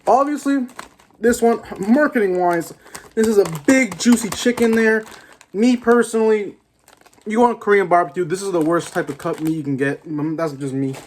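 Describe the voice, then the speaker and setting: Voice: medium pitch, moderate pace, a little mellow, slight background noise. A snack reviewer chatting casually and informally to viewers, rambling a little while giving opinions. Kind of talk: casual chat food review to camera.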